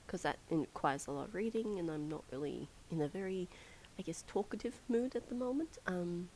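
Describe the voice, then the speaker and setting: A woman who hosts a gaming channel rambles casually over her gameplay in a slightly low voice made hoarse and croaky by illness, with lively intonation, filler pauses, and soft bursts of laughter. The audio is poor, with a faint hiss underneath.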